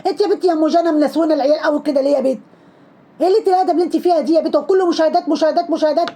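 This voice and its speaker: A high-voiced woman with an Egyptian accent delivers sarcastic commentary on trending videos as a social media commentator, speaking at breakneck speed. Her tone is dark and mellow, but she scolds and mocks constantly. She drives each jab home through heavy repetition.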